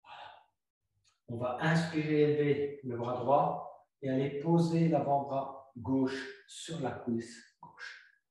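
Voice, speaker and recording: A man guiding a yoga flow class, calm and instructive, repeating his cues slowly. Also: medium pitch. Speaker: yoga teacher. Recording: very echoey room, voice far from mic.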